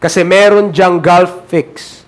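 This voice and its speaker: A Filipino man preaching a sermon in a church, emphatic and repetitive, swinging between loud urgency and quiet earnestness. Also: sits high, steady tone, slow. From Philippines.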